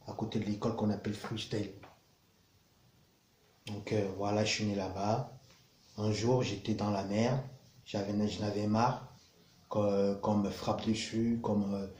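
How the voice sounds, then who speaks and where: A man, praying and then telling his life story in an earnest, halting way, repeating words as he searches for them. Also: lowish voice, darkish tone. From Cameroon. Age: 30s. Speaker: vlogger sharing his testimony. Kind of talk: prayer and personal testimony. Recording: roomy echo with faint background noise.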